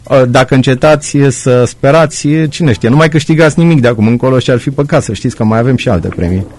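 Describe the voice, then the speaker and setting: A man's voice: medium pitch, a little mellow. A man hosting a radio call-in show, friendly and teasing, with many fillers. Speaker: radio host.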